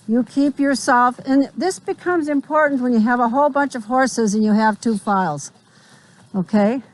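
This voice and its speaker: A woman's voice: a little high, normal speed, low-quality recording. A woman riding instructor outdoors, explaining drill directions firmly and checking that her riders understand. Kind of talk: spontaneous hands-on instruction.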